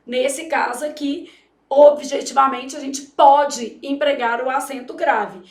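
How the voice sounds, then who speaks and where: A woman's voice: high voice, steady tone, slow pace, echoey room. A Brazilian woman teaching grammar for exam preparation, speaking emphatically and dramatically, with frequent checks on her students. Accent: Brazilian Portuguese. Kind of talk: exam-prep grammar lesson.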